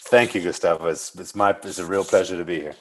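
Speaking fast in a low voice, a middle-aged entrepreneur with a South African accent chats as a guest in a casual podcast interview. His reflective talk is full of fillers and false starts, and the recording is dry.

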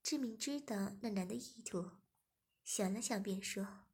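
A woman narrating an erotic audio story in a soft, half-whispered manner. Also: medium pitch, a little slow, husky.

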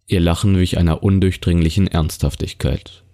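Deep gravelly male narrator over music. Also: steady tone, moderate pace, mellow. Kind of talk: scripted narration of a radio play.

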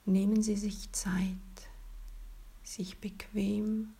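A woman leading a guided relaxation in a soft, soothing, breathy spa-like whisper, as scripted narration. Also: mid-range voice, level tone, extremely slow.

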